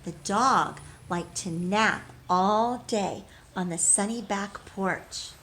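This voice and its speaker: A woman teacher reading a storybook aloud expressively, pausing to put questions to young listeners. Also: mid-range voice, fairly bright tone, slight background noise.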